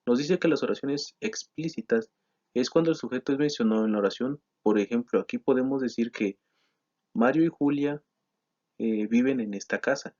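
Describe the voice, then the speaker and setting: A man's voice: mid-range voice, normal speed, warm tone. A man teaching a grammar lesson, explaining from slides with frequent "eh" and self-corrections. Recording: slightly dull lo-fi sound.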